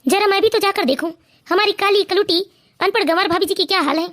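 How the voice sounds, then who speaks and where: A woman's voice: very high voice, fast, a bit bright. A woman voicing a smug sneering son-in-law. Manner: mocking, smug.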